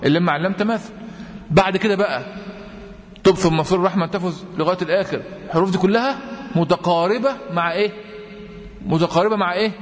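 A man with an Egyptian accent teaching tajweed, quizzing his students with repeated questions and chanting verse examples slowly. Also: sits high. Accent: Egyptian Arabic. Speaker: Quran recitation teacher. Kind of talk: tajweed lesson. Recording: long reverb.

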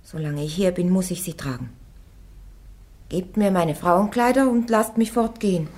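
In a radio play, an actress portrays a young peasant woman on trial before churchmen, answering them defiantly in a stubborn, plain-spoken yet pleading way. Her voice is fairly low and a little mellow, close to everyday speech, at a moderate pace.

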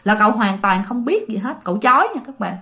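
A woman narrating ghost stories in a chatty, animated way, talking straight to her listeners. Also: mid-range voice, fast talker. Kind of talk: storytelling narration.

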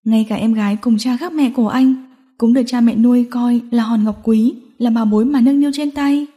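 A woman narrating a romance novel audiobook in a steady storytelling manner. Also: on the high side, brisk.

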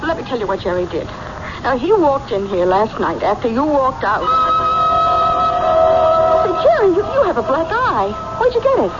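A woman's voice: high voice, very animated, normal speed, long pauses, loud music behind the voice. A woman acting a hurt, suspicious and sarcastic wife in an emotional, accusing old-time radio drama style. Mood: wistful, curious. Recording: muffled, noisy old radio recording.

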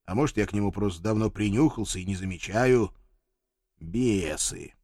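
A man's voice: lowish voice, moderate pace, darkish tone, dry recording, clean studio sound. A man reading a first-person audiobook in a wry, sardonic way. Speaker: audiobook narrator.

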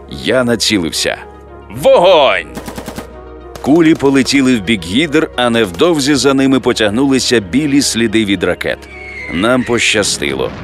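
Low-voiced expressive male audiobook narrator. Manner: expressive reading, raising voice for dialogue.

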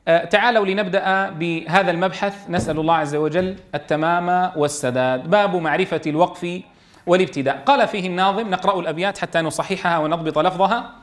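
A man leads a classroom lesson on recitation rules. His voice sits high, and he keeps firing quick questions at his students. He chants verses slowly so the class can repeat them. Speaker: Quran teacher trainer.

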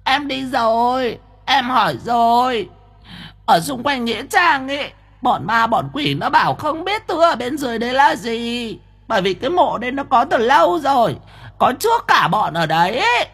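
A man's voice: extremely high pitch, very animated, moderate pace, creaky, fairly bright tone, husky, pitched above the performer's own voice, exaggerated voice. A man voicing a panicky, whiny effeminate ghost in an audiobook. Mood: chattering. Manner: whiny, wailing calls.

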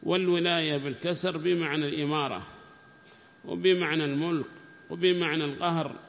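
A man's voice: on the high side, vocal fry. Man teaching in a reverberant hall. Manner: reads the text aloud slowly, then explains it in a calm teaching tone. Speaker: religious teacher. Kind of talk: lesson explaining a classical Quran commentary.

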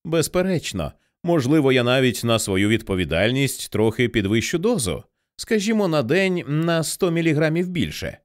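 A man's voice: mid-range voice, big pitch swings, moderate pace, hardly any pauses, natural voice. A man reading an audiobook, voicing a sad, earnest townsman trying to persuade. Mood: persuasive.

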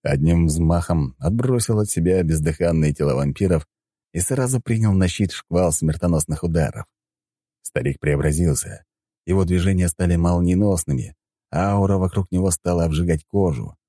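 A man narrates a fantasy story in a deep, dark voice. His reading is lively and expressive, and the recording is dry and close. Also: moderate pace, dry recording. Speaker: audiobook narrator.

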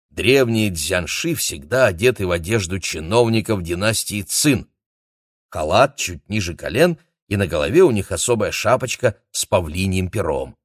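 A man's voice: sits low, dry recording, studio quality. A man reading a storybook, voicing a wry, grumpy older uncle who lectures at length.

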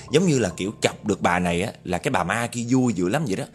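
Lively storyteller man. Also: lowish voice. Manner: lively, dramatic, speaks to listeners directly. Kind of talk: ghost story narration.

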